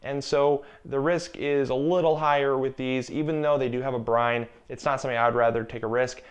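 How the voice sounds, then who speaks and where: A gardening channel host, a young man in his twenties, speaks fairly quickly in a steady, medium-pitched voice. He's talking through a canning demonstration in his home kitchen on a lapel mic, in a chatty, instructive way that repeats key warnings. It's a casual cooking demonstration.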